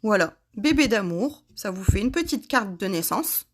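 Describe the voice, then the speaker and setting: A woman's voice: medium pitch, lively intonation, normal speed. A woman hosting a casual craft tutorial, chatting to her viewers by name and laughing at herself.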